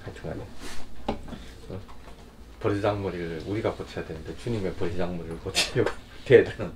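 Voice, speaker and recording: Preaching in a conversational style, this pastor keeps prompting his audience and alternates between loud outbursts and soft asides. He has a deep voice and a brisk delivery, with background noise audible.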